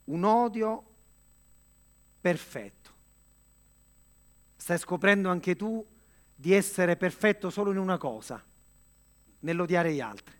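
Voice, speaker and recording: Guy preaching a sermon, pretty high voice, slow earnest pauses, talks right at you. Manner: addresses the listener directly.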